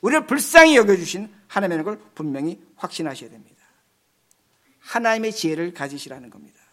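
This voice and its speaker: High-voiced preaching pastor, man. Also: sing-song, fairly quick. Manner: preaching with sweeping swings between loud emphasis and soft low asides. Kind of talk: sermon.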